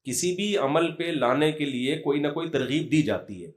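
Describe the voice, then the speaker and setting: A man's voice: fairly high pitch, expressive. A middle-aged man giving a religious talk, telling funny stories in a chatty way. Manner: humorous storytelling, conversational. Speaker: Islamic preacher.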